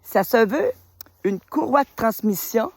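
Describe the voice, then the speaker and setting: The sound is clean and studio-like with no echo, though she is recorded on a phone outdoors on a winter road. A New Brunswick woman in her fifties, a retired teacher who leads a spiritual group, speaks a little slowly in a high-leaning, very animated voice. Welcoming her followers, she comes across warm and enthusiastic, rambling with plenty of fillers.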